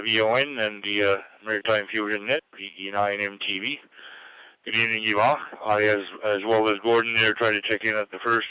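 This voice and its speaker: A man's voice: fairly low pitch, pushed and bright, clear, resonant tone, no echo, low-quality recording. A man from Canada chatting casually over amateur radio in a friendly, rambling, hesitant way. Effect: amateur radio transmission. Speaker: amateur radio operator checking in.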